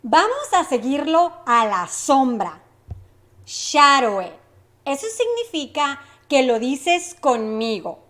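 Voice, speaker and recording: A woman teaching Spanish pronunciation on a podcast, modeling phrases slowly and carefully and checking in with the listener. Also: sits high, very animated, a bit bright.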